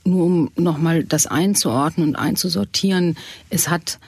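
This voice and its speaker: Higher-voiced male moderator, dry. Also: unhurried, gravelly, husky, no echo. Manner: prompting, asks pointed questions. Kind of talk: panel discussion.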